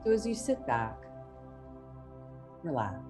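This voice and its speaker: A woman hypnosis instructor guiding a relaxation induction, speaking in an unhurried, lulling way with long pauses. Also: low voice, sing-song. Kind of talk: slow, soothing guided relaxation induction. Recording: music playing behind the voice. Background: soft New-age music.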